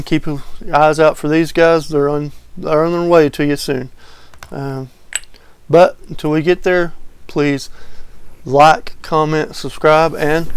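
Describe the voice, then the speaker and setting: Gravelly-voiced man reviewing fragrances. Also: on the high side, no room sound. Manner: relaxed, rambling, many fillers. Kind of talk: casual video review.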